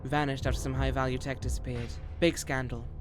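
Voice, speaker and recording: A man voicing a sharp inner data-digging voice from a game, giving terse, clipped briefings. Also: mid-range voice, level tone, fairly quick, music in the background, pitched below the performer's own voice, close to an everyday voice. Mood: sharp, urgent briefing. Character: Data Kraken, clipped sharp information-digging voice inside hero's head. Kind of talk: reading game dialogue aloud in character.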